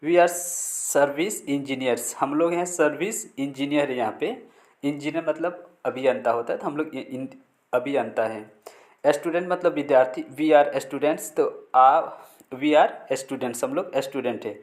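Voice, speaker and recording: A man's voice: fairly high pitch, normal speed. A man teaching spoken English in Hindi, saying short English sentences aloud and translating each one.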